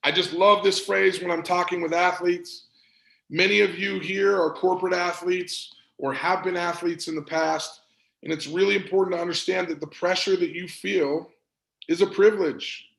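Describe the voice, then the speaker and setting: A man coaching an audience on performance in an energetic, emphatic presentation, repeating words for stress. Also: high voice, normal speed, vocal fry, reverberant, rough recording. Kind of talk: motivational presentation.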